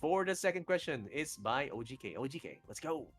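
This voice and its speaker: Guy casting a game tourney live, lotsa um and uh, hyped, soft music under it. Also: medium pitch, brisk, breathy edge. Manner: energetic, laughs often, many fillers. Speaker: esports caster. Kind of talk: live esports casting and trivia hosting.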